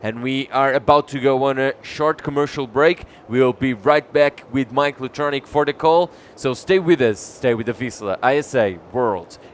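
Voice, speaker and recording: Man, live surfing commentary, measured score announcing, mid-pitched voice, faint outdoor noise behind.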